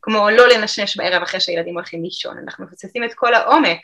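A woman calmly explaining emotional eating to an interviewer, in a reflective, explanatory way. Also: mid-range voice. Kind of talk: podcast interview answers.

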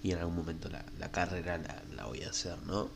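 A young man with a deep, level voice and a Rioplatense Argentine Spanish accent talks fast with vocal fry on his casual solo podcast. He has a cold, so his nose is stuffed and he breathes through his mouth while rambling frankly and crudely with plenty of fillers, over slight background noise.

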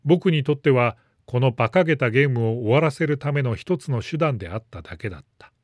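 Calm man reading a story, dry. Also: medium pitch, a little fast, dry recording. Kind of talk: scripted narration.

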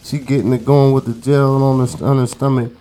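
A man's voice: medium pitch, little pitch movement, brisk, dark tone. Laid-back cursing man telling a story. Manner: laid-back, rambling, curses often, many fillers. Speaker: podcast co-host. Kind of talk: casual storytelling chat.

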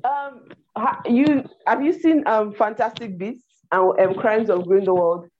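A woman's voice: medium pitch, a little slow, a little mellow, slight background noise. Eager woman on a tinny call. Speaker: discussion panelist. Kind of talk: casual chat. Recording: tinny phone-like online call.

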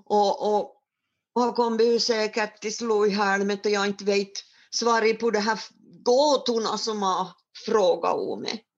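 A woman's voice: medium pitch, steady tone, dull audio, voice pushed up, lightly acted. A woman voicing a worried, fearful poor father who speaks hesitantly.

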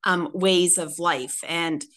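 A bright, chatty woman from Ontario, Canada, whose first language is Swiss German, is a guest in a casual interview. Her voice sits on the low side, slow with fairly even intonation. She rambles, uses lots of filler words, and laughs frequently.

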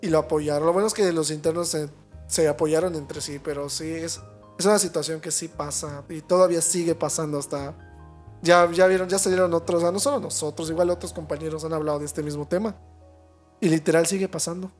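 A man with a Mexican accent, chatting as a podcast guest and telling his story in an animated way. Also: on the high side, a little fast, soft background music. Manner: animated storyteller, acting out quoted shouting. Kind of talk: casual chat.

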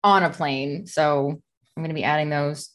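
Low-voiced woman player at a tabletop game. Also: moderate pace. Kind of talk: casual tabletop game chat.

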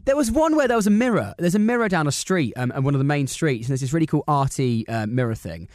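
A quick-talking Englishman co-hosting a podcast, his pitch swinging all over as he tells an animated story. He sits fairly high for a man, and the sound is close and dry with no room around it. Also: dry recording. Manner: animated storyteller, laughs often. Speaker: podcast co-host. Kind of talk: casual chat.

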